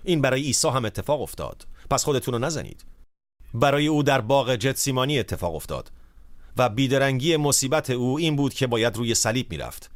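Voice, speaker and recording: A man preaching a sermon in an earnest, emphatic way, slowing down when he reads scripture. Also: medium pitch, animated, dry recording.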